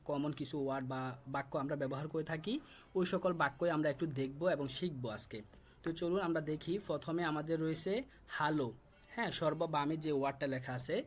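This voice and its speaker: A young man from Bangladesh leads a live online class over a call microphone. His voice sits a bit high, and he patiently repeats each word slowly for pronunciation. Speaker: German language teacher.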